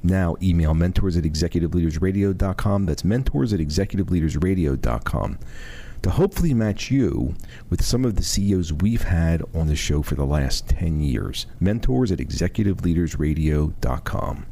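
Man, radio announcer, scripted promo, very low voice, dark tone, measured. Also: animated, vocal fry, a little hiss or hum. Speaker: show announcer.

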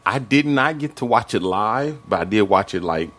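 A man's voice: fairly low pitch, lively intonation, moderate pace, fairly bright tone. A man hosting a podcast in casual, informal, rambling chat. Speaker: podcast host.

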